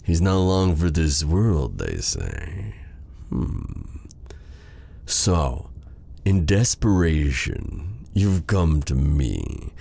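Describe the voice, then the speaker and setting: Seductive evil sorcerer, extremely low gravelly voice, very slow drawn-out silky delivery, teasing, menacing, fantasy ASMR roleplay. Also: male voice, very animated, warm tone, full character voice. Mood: curious, probing. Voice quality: breathy, gravelly. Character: sly, menacing, seductive dark sorcerer man. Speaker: voice actor.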